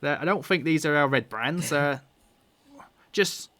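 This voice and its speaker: A man's voice: a little high, unhurried, bright, forceful tone, dry recording. A man voicing a suspicious halfling farmer woman who is protective of her son. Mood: wary. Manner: suspicious, scolding.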